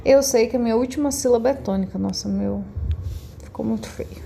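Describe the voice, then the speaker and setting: A Brazilian woman teaching a recorded class, her voice mellow and darker in tone with a gravelly fry at the edges. She explains each step slowly and patiently, as if to young children. A faint hum of noise sits behind her. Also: a little high. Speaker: schoolteacher.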